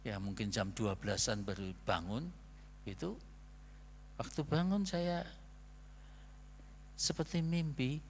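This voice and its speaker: A man's voice: medium pitch, fairly even intonation, takes it slowly, long pauses, a little hiss or hum. An older man with a Javanese accent, a pastor telling a story in a chatty, rambling sermon that keeps trailing off on fillers. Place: church hall. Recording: long church hall reverb.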